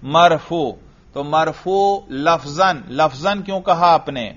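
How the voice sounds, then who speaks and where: A man's voice: a little high, a bit bright. A man teaching grammar in a classroom, quizzing and patiently praising a student. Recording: dull lo-fi recording.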